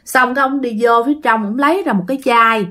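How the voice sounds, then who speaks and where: A woman's voice: fairly high pitch, fast talker, sharp tone. A woman with a Southern Vietnamese accent telling a ghost story in a chatty, casual way and talking straight to her listeners. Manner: chatty, addresses listeners directly.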